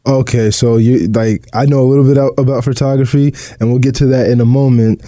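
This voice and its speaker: A man asks curious, laid-back questions, his voice very dark and mellow. The recording is dry and close, with no room sound. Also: mid-range voice, fairly even intonation, a little fast, dry recording. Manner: curious, casual questioning with slang. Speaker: interviewer. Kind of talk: casual interview.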